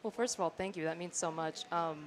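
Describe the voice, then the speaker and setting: A hoarse teenage girl talking casually about sprinting as a guest, with lots of "like". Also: fairly low pitch, brisk. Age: teens. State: hoarse from lost voice. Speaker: guest athlete.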